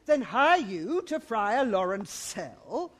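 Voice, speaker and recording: A woman's voice: medium pitch, big pitch swings, takes it slowly. A woman playing a garrulous older nurse in a Shakespeare play, teasing and groaning about her aches. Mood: fussy teasing. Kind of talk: Shakespeare stage acting.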